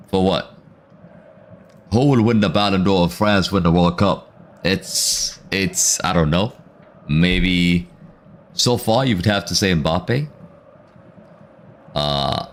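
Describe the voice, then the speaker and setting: Male watchalong streamer, low-ish voice, casual slang, reacts to play and reads chat. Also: a little hiss or hum. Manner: casual and slangy, addresses viewers as chat and bro; reads out viewer comments between reactions. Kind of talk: live football watchalong commentary.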